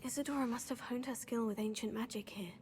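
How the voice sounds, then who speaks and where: Brief: actress as a young wizard student, earnest, slightly high voice, noisy game mix. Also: female voice, fast, natural voice. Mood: determined. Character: young female wizard student, determined and curious. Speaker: player character. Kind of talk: game voice acting.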